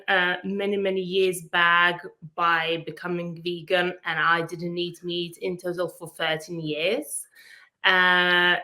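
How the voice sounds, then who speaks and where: A woman from Lithuania with a Lithuanian accent, speaking earnestly as an interview guest, pausing often with fillers. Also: medium pitch, pushed and bright. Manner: earnest, hesitant with frequent fillers. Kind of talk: casual interview.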